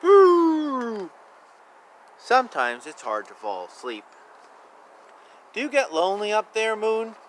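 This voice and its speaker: Here a man with a high-pitched voice reads a picture book to young kids outside, slowly and with many pauses, his pitch swinging hugely. He's chatty and playful, tossing in exclamations and asides and drawing words out for emphasis. The recording is rough, with faint outdoor noise behind him.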